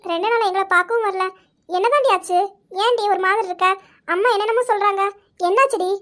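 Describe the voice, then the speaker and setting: Inba is a worried, pushy young friend in an amateur audio drama, who keeps pressing with scolding questions, as a woman voices her. Her voice sits very high. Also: fast, a bit bright. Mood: insistent.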